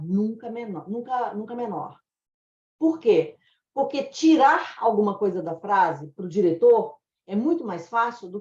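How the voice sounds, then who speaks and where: A woman's voice: fairly high pitch, darkish tone. A Brazilian woman teaching dubbing translation in a chatty, explanatory way. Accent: Brazilian Portuguese. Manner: chatty, explanatory, laughs at own anecdotes. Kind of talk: informal online lesson. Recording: roomy, dull lo-fi sound.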